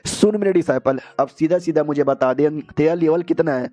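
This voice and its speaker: A man voicing a baffled, excitable male sect leader who talks over the top. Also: fairly high pitch, normal speed, natural voice. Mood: excited.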